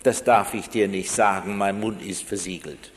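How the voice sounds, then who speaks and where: A man's voice: fairly low pitch, fairly even intonation, normal speed, big-room sound, a little hiss or hum, pitched below the performer's own voice, natural voice. A preacher voicing his young son, who earnestly insists on his innocence and speaks in a pleading way.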